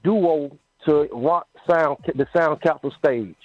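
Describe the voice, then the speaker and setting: Easygoing rapper on a dull dry line. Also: male voice, on the high side, slow pace, no echo, faint music behind. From Atlanta. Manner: easygoing, affirming with short replies. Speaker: rapper guest. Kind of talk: casual radio interview.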